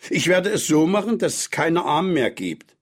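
A man's voice: very animated, moderate pace, slightly rough. A man reading aloud, voicing an eager, determined little girl. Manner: high, eager, emphatic.

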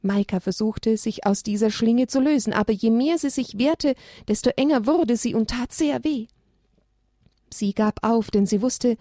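A woman reading a children's story aloud in a gentle, expressive way. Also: medium pitch, no echo, clean studio sound.

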